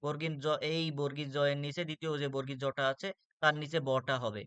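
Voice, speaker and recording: A man's voice: on the high side, flat delivery, fairly quick, a bit bright, clean tone, no echo. A man with a Bangladeshi Bengali accent teaching a spelling lesson for exam students, explaining step by step and repeating words with frequent "ah" fillers.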